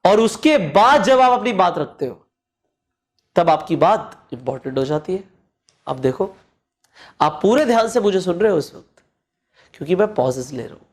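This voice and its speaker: A man teaching presentation skills, speaking in deliberate pauses and swinging his voice up and down to stress points. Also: very animated. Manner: deliberate pauses and swings in pitch to show modulation; repeats phrases for emphasis, addresses listener directly. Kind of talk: coaching lesson mixing Hindi and English.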